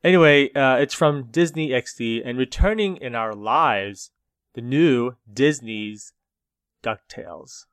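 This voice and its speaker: A man hosts a casual podcast in a brisk, upbeat way. His voice sits in the middle range and is recorded close and dry, with no room sound. His introductions run quickly and sound lightly scripted. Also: mid-range voice, a bit bright, clear, resonant tone, no echo. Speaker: podcast host.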